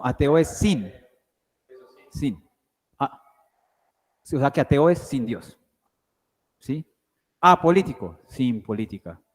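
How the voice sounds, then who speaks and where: Lecturing man in an echoey hall. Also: medium pitch. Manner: explains with questions, checks understanding with "¿sí?". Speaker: guest lecturer. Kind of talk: classroom lecture.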